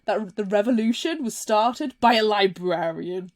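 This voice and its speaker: A woman's voice: medium pitch, unhurried, a little mellow. Emphatic woman co-hosting a book podcast. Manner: emphatic and heartfelt, with repeated restarts. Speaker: podcast co-host. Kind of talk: casual book discussion.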